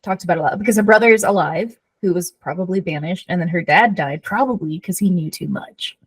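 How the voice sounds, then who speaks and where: A woman with a lowish, brisk voice and a breathy edge, recorded dry, co-hosts a casual book podcast. She chats informally like she's with friends, dropping "like" constantly.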